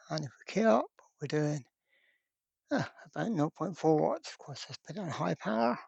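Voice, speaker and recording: An electronics repair hobbyist gives a casual workbench repair demonstration, informally thinking aloud one step at a time. The voice is medium-pitched, creaky, and darkish in tone, with no echo.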